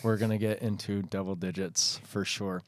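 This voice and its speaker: A man's voice: deep voice, flat delivery, normal speed, no room sound, clean studio sound. A man hosting a podcast interview, asking questions in an upbeat, joking, friendly manner. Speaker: podcast host.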